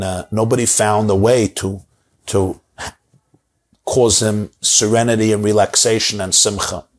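A middle-aged man telling a story in a dramatic, repetitive way, recorded with a lapel mic in a study lined with bookshelves. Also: on the low side. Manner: dramatic, repetitive, gesturing broadly. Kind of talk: animated storytelling.

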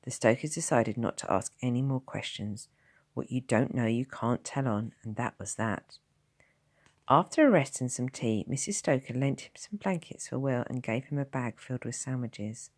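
A woman's voice: rumbling low, normal speed, a little mellow, slightly rough. A woman teacher reading a novel aloud, narrating expressively and voicing each character. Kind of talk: storybook narration.

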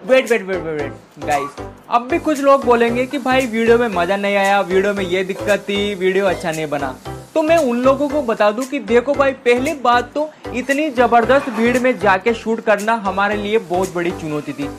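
Walking through an outdoor street market, a young adult comedy vlogger narrates a mock-serious survival-show parody. He speaks at normal speed in a high voice, with music playing in the background.

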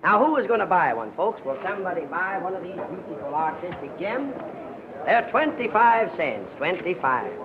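High-pitched, swooping American carnival barker. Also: male voice, sing-song, normal speed, narrow, tinny audio. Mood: hawking. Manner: declamatory, repetitive showman's pitch. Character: brash carnival sideshow barker hawking attractions to the crowd. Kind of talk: 1930s film acting, sing-song barker patter. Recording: thin, hissy 1930s film soundtrack.

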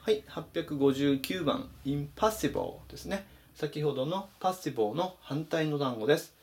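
A man teaching English vocabulary in Japanese, saying each word slowly and clearly in a voice-over lesson. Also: a little high, a little mellow. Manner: slow, careful spelled-out pronunciation of English words.

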